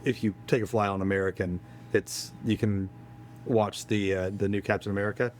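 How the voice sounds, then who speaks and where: A man's voice: lowish voice, steady tone, fairly quick, slight background noise. Chatty man, casual podcast co-host. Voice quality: chatty, interjecting, restarts. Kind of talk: casual chat.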